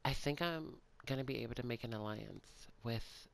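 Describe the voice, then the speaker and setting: A man at a middle pitch for his sex, talking his way through an in-character game role-play. He sounds sleepy and yawns now and then, speaking softly and hesitantly and filling gaps with ums and sighs. Casual and unscripted. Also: normal speed, gravelly. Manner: hesitant and soft-spoken, many ums and sighs. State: yawning, sleepy. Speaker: gaming channel creator.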